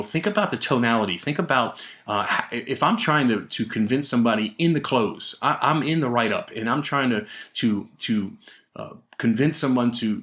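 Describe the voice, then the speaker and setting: A man's voice: medium pitch, a bit bright. A man hosting a solo sales podcast, speaking into a microphone with emphatic energy, frequent restarts and rhetorical questions. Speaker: podcast host and sales trainer. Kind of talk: solo podcast coaching talk. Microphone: studio microphone.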